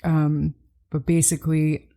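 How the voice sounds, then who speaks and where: Female podcast host, low warm voice, casual and hesitant. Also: level tone, unhurried. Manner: hesitant, many ums and restarts.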